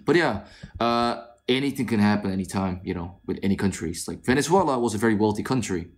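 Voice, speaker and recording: Korean-accented man, low voice, mumbling asides. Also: expressive, fast. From South Korea. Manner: rambling, many fillers, drops to a mutter at phrase ends. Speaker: guest film critic. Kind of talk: casual podcast discussion.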